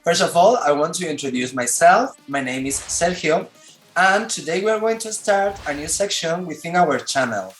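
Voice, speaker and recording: A man with a Spanish accent hosting an interview, asking formal questions in careful, slightly halting English. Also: on the high side, expressive, fairly bright tone, reverberant, soft background music, poor audio. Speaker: interviewer, channel host.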